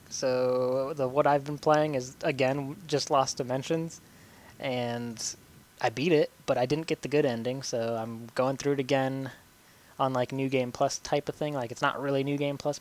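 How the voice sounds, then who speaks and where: A young man hosting a casual gaming podcast, loose and joking, laughing often and trailing off with fillers. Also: medium pitch. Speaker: podcast host.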